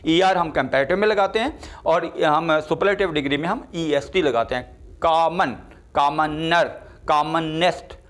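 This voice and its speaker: An older man teaching English grammar, slowly repeating each word form as he drills his students. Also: fairly high pitch, fairly bright tone. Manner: slow, repetitive drilling of word forms. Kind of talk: grammar lecture.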